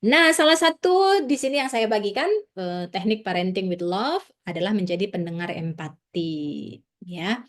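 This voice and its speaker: A woman's voice: mid-range voice, expressive, moderate pace. A woman psychologist giving a casual, reassuring seminar talk to parents, often dropping in little filler words as she explains. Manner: chatty, peppers speech with "nah" and "ya"; warm, reassuring teaching tone.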